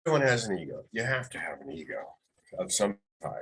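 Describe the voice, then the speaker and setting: A man's voice: low voice, very animated, fast, a bit bright, slightly rough, poor audio. A middle-aged man, a veteran radio broadcaster, giving advice in an interview and telling stories with quoted voices. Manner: storytelling, acts out quoted voices. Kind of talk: reflective interview talk.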